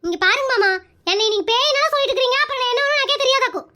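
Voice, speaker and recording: A woman's voice: very high voice, very fast, bright, forceful tone. A woman playing a feisty wife in a comedy skit, scolding and bickering with a Kongu Tamil accent. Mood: threatening. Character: feisty wife seeking divorce, scolding her husband.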